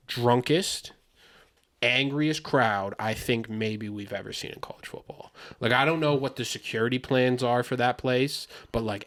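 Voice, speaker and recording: Podcast host guy rambling about football, cussing, jokey, mid-pitched voice. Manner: animated, rambling, profane, joking. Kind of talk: casual sports chat.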